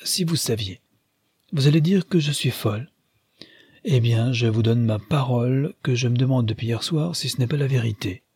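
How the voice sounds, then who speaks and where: A grave old grandmother with a dark, husky voice pitched high above the reader's own, as a man puts her on. She speaks briskly and with emphasis, waving away preambles. Dry, close sound. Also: dry recording. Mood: confiding. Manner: brisk and emphatic, gets straight to the point.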